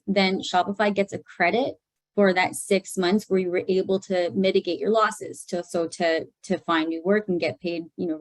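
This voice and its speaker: A woman's voice: on the low side, no room sound, low-quality recording. A Canadian woman lawyer explaining legal duties in an information session, carefully, with many fillers. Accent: Canadian English. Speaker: employment lawyer.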